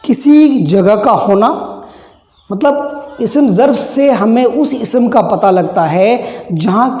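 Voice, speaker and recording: A teacher giving a grammar lesson at a board, repeating key terms and asking quick questions to check that the class follows. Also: mid-range voice, mellow. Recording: echoey room with long reverb.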